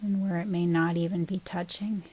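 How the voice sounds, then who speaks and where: Guiding listeners through a body scan, this woman teacher sounds husky and on the low side. She speaks in short, gentle phrases at an unhurried pace, pausing calmly between them.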